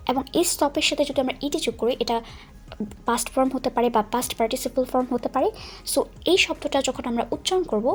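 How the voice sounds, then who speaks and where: High-voiced woman teaching pronunciation. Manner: patient, repeats words slowly for learners. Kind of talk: explanatory language lesson.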